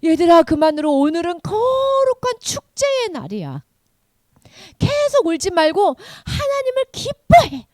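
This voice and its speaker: A woman acting out a kindly male priest gently calming a weeping crowd during a children's sermon. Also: very high voice, measured pace, no echo, studio quality, pitched above the performer's own voice, exaggerated voice. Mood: soothing.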